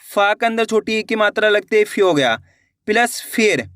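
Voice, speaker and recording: A man with a high voice teaches Hindi reading in an online lesson. He sounds out each syllable slowly and patiently, repeating words and quizzing the listener. The recording is dry and close, with no room sound. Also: animated, a bit bright, smooth, dry recording. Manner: patient, repeats words and asks questions back.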